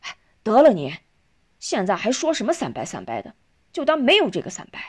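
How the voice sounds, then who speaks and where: A woman's voice: mid-range voice, very animated, normal speed, breathy edge. Woman doing a blunt, scornful younger man. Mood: impatient.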